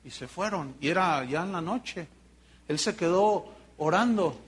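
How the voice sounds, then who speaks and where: A man with a Mexican accent preaching a sermon as pastor, telling Bible stories with animated delivery and joking asides to the congregation. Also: sits high, a little slow, breathy edge.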